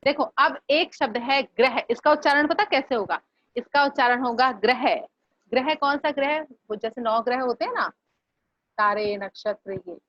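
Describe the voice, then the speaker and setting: A woman teacher giving a slow, patient online lesson, asking her students questions. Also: sits high, a bit bright, no room sound. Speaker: Hindi teacher. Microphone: video call. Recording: muffled online class audio.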